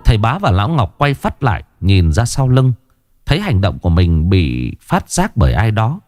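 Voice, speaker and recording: A man narrating a horror story in a dramatic, lively way. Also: fairly low pitch, normal speed, no echo, studio quality.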